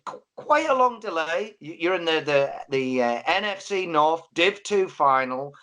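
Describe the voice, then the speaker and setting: A man's voice: on the high side, animated, unhurried, pushed and bright. A man interviewing coaches on a sports live stream, chatty and prone to restarting his questions. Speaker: interviewer at a football final.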